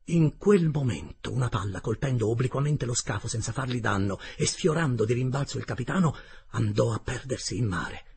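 Brief: male narrator, mid pitch, raspy and gravelly, measured dramatic audiobook delivery. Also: animated, darkish tone.

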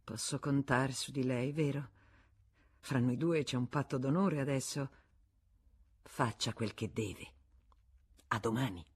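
A narrator voicing a bitter, scheming older spinster in a storybook reading, short of breath. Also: female voice, deep voice, expressive, normal speed. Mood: grave. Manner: vehement, spiteful, breathless outbursts. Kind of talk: audiobook character voice.

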